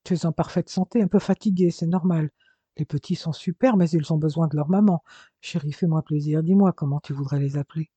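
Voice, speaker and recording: A man's voice: fairly high pitch, fairly quick, dark tone, husky, no echo, highs cut off. A man voicing a desperate young husband overcome with grief, crying out and pleading. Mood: forced reassurance. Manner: pleading, sobbing outbursts.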